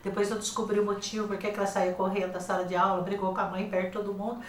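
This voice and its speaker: Talking very fast in a mid-range voice, an older Brazilian woman who teaches and writes books tells lively classroom anecdotes on a TV interview show, performing the quoted lines herself. The distant mic gives a roomy, off-mic studio sound with slight hiss or hum.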